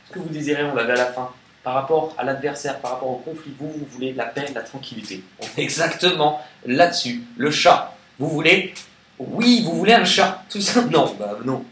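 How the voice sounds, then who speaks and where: A man giving a casual tarot card reading to camera, reading the card texts aloud with playful, lively emphasis. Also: medium pitch, a little fast, slight background noise. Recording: echoey room with faint ambience.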